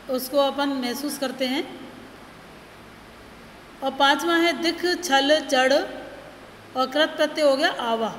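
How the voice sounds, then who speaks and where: Slow, high-voiced woman teaching in an echoey room. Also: fairly bright tone. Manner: slow, deliberate, lists words one by one. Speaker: school teacher. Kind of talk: grammar lesson. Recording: echoey room with long reverb, faint noise.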